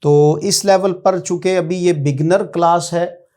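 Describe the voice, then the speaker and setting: Slow-paced Pakistani male teacher. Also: high voice, fairly even intonation, darkish tone. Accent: Pakistani Urdu. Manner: slow, explanatory, addresses students directly. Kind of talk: classroom lecture.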